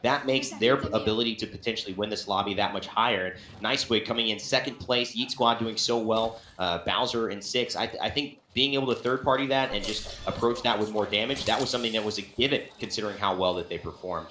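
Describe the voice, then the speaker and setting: A man's voice: lowish voice, quick pace, hardly any pauses, sharp tone, roomy sound. A man working as an esports caster, giving analytical live commentary on a match.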